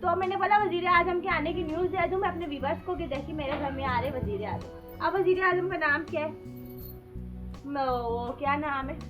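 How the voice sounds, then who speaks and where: A woman talks through a casual village vlog in a high voice. She chats and teases with a joking edge. Clear background music plays under her words. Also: brisk, lo-fi sound. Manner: chatty, teasing, joking. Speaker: village life vlogger.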